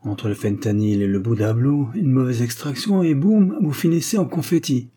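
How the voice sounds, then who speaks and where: A man voicing a loud, joking young man who talks in street slang. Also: mid-range voice, normal speed, voice pushed up, close to an everyday voice. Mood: teasing.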